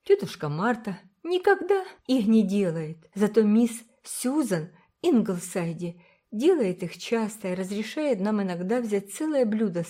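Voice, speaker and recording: A woman voicing a timid little girl who pleads earnestly in a high, gentle voice.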